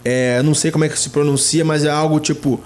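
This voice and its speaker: A young man with a Brazilian Portuguese accent talks in a slightly raised pitch. He gives casual, slangy travel advice straight to the listener and keeps tossing in interjections. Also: fairly even intonation, quick pace, darkish tone. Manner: chatty, slangy, sprinkles interjections. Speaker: travel vlogger. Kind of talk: casual tips to camera.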